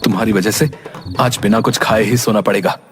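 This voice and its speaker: A man's voice: lowish voice, fairly even intonation, a little fast, close to an everyday voice. A man voicing a frustrated young husband in a cartoon story, complaining about his wife. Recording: voice over background music.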